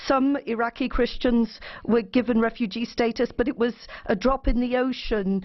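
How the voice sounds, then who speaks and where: Female interpreter, fairly high voice, steady earnest read, dull broadcast sound. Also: normal speed. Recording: muffled broadcast audio feed.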